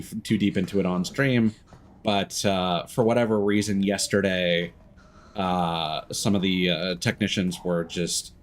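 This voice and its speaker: There's a slight hiss or hum behind this man's lowish voice as he live-streams. He talks through his gameplay casually, swearing freely, speaking candidly and putting himself down as he goes.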